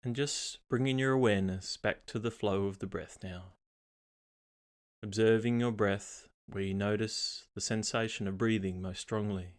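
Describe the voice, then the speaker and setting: A man with a fairly low-pitched voice reads a scripted guided meditation, calm and unhurried, pausing between phrases in a measured way.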